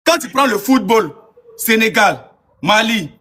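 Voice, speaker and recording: Ivorian man, emphatic live-stream debater, husky and high voice. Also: animated, a little slow, bright, forceful tone. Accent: Ivorian French. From Côte d'Ivoire. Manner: emphatic, repetitive, argumentative. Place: villa.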